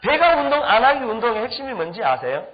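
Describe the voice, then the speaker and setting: A middle-aged man preaching in a high, animated voice that swings up and down. He tells funny anecdotes and acts out the people in them. The recording is dull and lo-fi. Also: quick pace. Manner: animated, humorous anecdotes with acted-out quotes. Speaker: pastor. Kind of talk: storytelling sermon.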